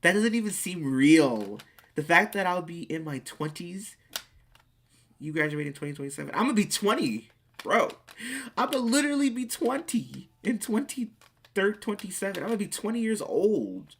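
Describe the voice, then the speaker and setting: Gravelly, husky-voiced late-teen streamer. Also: medium pitch, normal speed. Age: late teens. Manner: chatty, reads questions aloud then answers, excitable bursts. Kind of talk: casual live chat.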